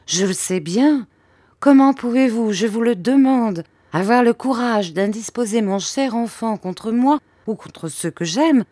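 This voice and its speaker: A woman voicing a young, fretful mother who whines and pleads in a high, petulant voice. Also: lively intonation, measured pace, dark tone, dry recording, studio quality. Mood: petulant pleading.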